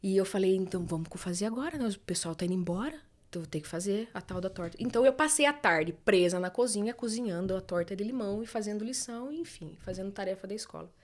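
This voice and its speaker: A woman's voice: medium pitch, quick pace, few pauses. A woman from Brazil, a podcast guest, telling a personal story in casual conversation and acting out the voices of people in it, sometimes dropping to a whisper. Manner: animated, acts out quoted voices, drops to whispers.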